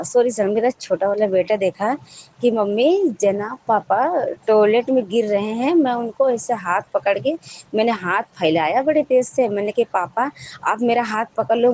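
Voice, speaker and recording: A woman's voice: mid-range voice, darkish tone, slight background noise, rough recording. A woman sharing a devotional testimony with a congregation, telling her story in a rambling, repetitive way with frequent restarts.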